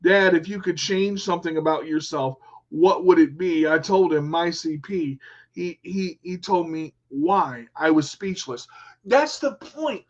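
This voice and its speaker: On his own radio show, an adult man with a son delivers a motivational monologue straight to listeners, emphatically repeating key phrases and checking in with "okay?". His fairly high voice moves at a measured pace, and the highs are cut off.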